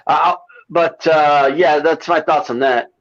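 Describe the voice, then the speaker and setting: A man's voice comes through a muffled, lo-fi line that sounds like a CB radio. He talks boxing in a slightly raised pitch, casual and halting, and often repeats himself before getting a thought out. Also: fairly even intonation. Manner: halting, repeats his words and restarts. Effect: sounds like talking over a CB radio. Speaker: caller on a boxing talk show.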